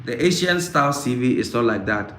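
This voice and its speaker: A man from Africa hosting a casual live Q&A, answering viewer questions in a halting way with frequent fillers and repetitions. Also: medium pitch, lively intonation, bright, forceful tone. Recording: roomy echo, faint background noise.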